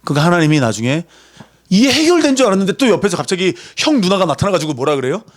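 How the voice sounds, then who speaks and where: A man preaching a sermon in a lively, conversational way, acting out voices as he goes. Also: high voice, racing. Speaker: pastor.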